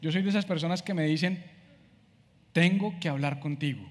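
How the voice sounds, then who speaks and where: A man's voice: on the high side, normal speed, in a large hall, slight background noise. A man preaching a conversational sermon, acting out how he talks to himself. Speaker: pastor.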